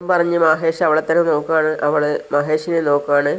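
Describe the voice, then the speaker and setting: A man's voice: a little high, flat delivery, brisk, a bit bright, clean tone, low-quality recording. Man casually narrating a family story. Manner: retells a family drama, voicing all characters himself with little change of voice.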